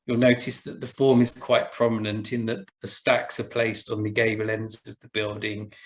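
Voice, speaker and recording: A man from England with an Essex accent, a buildings officer giving a measured, explanatory webinar presentation with small restarts. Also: fairly low pitch.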